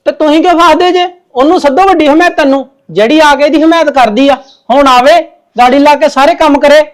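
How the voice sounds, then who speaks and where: A man playing a sulky, quick-talking younger son. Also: extremely high pitch, steady tone. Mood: irritated. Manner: argumentative, sulky. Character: younger son, touchy and stubborn. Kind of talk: Punjabi family drama acting.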